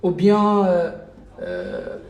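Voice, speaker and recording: A man's voice: high voice, big pitch swings, drawn-out words, a little mellow, echoey room. A man teaching a live online lesson as an Arabic teacher, hesitant with many fillers and repeated checks that listeners follow.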